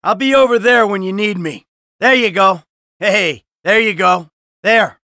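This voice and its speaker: Michael De Santa, gravelly sardonic American criminal. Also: male voice, sits high, measured pace, pushed and bright, dry recording, studio quality, heavily acted. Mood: flirtatious, smug. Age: middle-aged. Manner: sardonic, brash, swearing. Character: cynical, sarcastic, foul-mouthed middle-aged male criminal. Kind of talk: video game voice acting.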